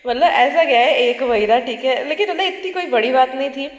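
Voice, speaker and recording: A woman's voice: sits high, a little fast. Young Indian woman vlogging in an echoey room. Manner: lively, chatty storytelling that often breaks into laughter. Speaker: student vlogger. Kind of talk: casual vlog monologue. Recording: echoey room with long reverb.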